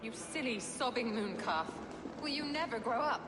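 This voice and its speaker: An actress playing a noble mother in a video game, pitying and apologetic but quick to scold. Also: a little high, lively intonation, big-room sound, close to an everyday voice. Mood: scornful. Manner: sorrowful, then sharp and scornful.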